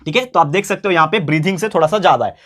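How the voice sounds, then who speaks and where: A man tutoring a school science class, talking to viewers as friends, repeating key points and speaking a little louder than normal to stay clear. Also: a little high, rapid-fire. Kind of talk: online science lesson.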